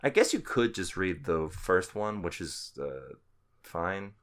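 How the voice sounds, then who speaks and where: A man's voice: low voice, expressive, slow pace. A man co-hosting a TV podcast, chatting casually and joking with friends. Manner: joking, rambling with fillers. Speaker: podcast co-host. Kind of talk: casual chat.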